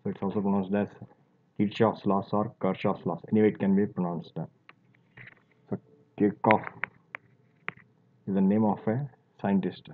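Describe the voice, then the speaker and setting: A man's voice: on the low side, level tone, a little slow, pauses often. A man teaching a physics lesson, explaining step by step as he draws, with fillers and restarts. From India. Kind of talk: classroom lecture while drawing. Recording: tinny phone-like audio.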